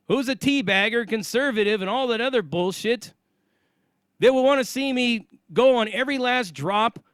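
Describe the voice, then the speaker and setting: A man's voice: sits high, fairly bright tone, no room sound. A middle-aged American man giving an opinionated casual monologue in a blunt, emphatic, swearing manner. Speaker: online commentator.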